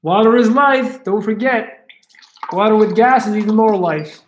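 Recorded through a laptop webcam mic in his living room, with slight hiss or hum, this Belgian coach in his thirties hosts a casual livestream. He's upbeat and high-voiced for a man, speaking at a moderate pace as he talks with viewers and reads out their comments.

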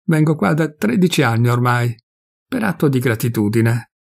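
A big, jovial fellow in his fifties, voiced by a man reading a story aloud, spilling confidences with smug good humour. His voice has a gravelly edge. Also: medium pitch, expressive, normal speed. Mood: chatty. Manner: gossipy, confiding, pleased with himself.

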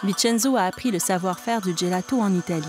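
A woman with a Québécois French accent giving scripted narration for a food report, in an even, measured delivery. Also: mid-range voice, over music.

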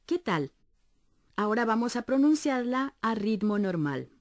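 A woman's voice: on the high side, very animated, measured pace, no echo, studio quality. Patient woman teaching language on radio. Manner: clear, patient and encouraging, explaining step by step. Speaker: Japanese language instructor on a radio course. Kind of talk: scripted educational narration.

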